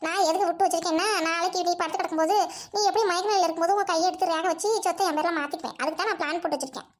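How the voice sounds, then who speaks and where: A woman's voice: fairly even intonation, rapid-fire. A woman voicing a foul-mouthed, scolding old mother-in-law in a family drama. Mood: spiteful. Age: older. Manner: shrill, scolding, cackling insults. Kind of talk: family radio-play acting.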